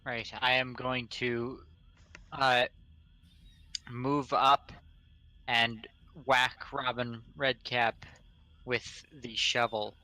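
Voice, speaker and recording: A man's voice: medium pitch, level tone, drawn-out words, long pauses, sharp tone, dry recording, poor audio. A man playing a tabletop roleplaying game, casually talking through his turn.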